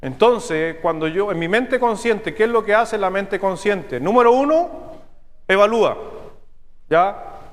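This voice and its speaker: High-voiced Chilean pastor preaching in a hall. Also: male voice, animated. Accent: Chilean Spanish. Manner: teaching preacher, checks in with the congregation with quick questions. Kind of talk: sermon. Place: church sanctuary.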